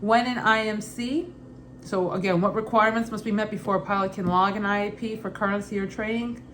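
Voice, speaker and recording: A woman's voice: medium pitch, steady tone, fairly quick, a bit bright. A woman with a loose Brooklyn accent reads study questions and answers aloud informally, repeating and rephrasing as she thinks through them. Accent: Brooklyn, put on loosely and unevenly. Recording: clearly noisy ambient background.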